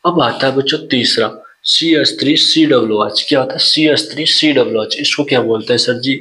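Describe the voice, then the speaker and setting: A man's voice: mid-range voice, fairly quick, bright, forceful tone, poor audio. A male teacher giving a lesson, asking questions and answering them himself, repeating key terms again and again to drill students. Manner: asks and answers in imagined student voices. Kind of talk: classroom-style lesson.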